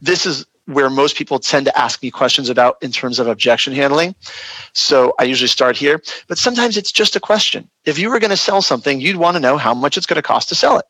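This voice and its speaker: A man's voice: mid-range voice, lively intonation, fast, bright, forceful tone, no room sound, low-quality recording. A man, a real estate agent, explaining how to handle client objections in an earnest, practical teaching tone during a webinar interview.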